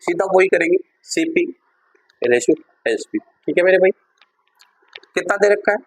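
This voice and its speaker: A male maths teacher talks students through a lesson one step at a time. His voice is a little husky and sits slightly high. He stops often to check that the class is following. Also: animated, measured pace, low-quality recording. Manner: repeats steps, keeps checking in with students.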